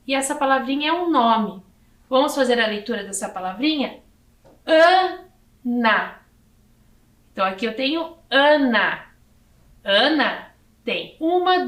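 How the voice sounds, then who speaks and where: A woman from Brazil teaching young children in a video lesson, slowly counting letters and syllables aloud. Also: high-pitched, fairly bright tone, roomy sound.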